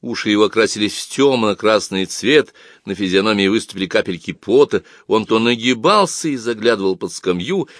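A man's voice: on the low side, a little fast, dry recording, clean studio sound. A man narrating a story as an audiobook, reading expressively. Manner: expressive reading with many acted voices.

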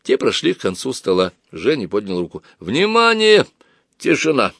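Low voiced guy reading a kids book, really lively delivery, dry close sound. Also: fairly quick, gravelly, no echo. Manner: expressive, lively storytelling. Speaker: narrator. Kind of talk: storybook reading.

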